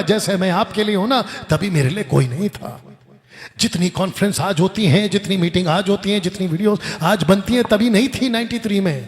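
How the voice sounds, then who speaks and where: A middle-aged man preaching a fervent, exhorting sermon at a conference in a large hall. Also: sits high. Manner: fervent, exhorting, repeats "come on". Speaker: pastor. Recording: long hall reverb.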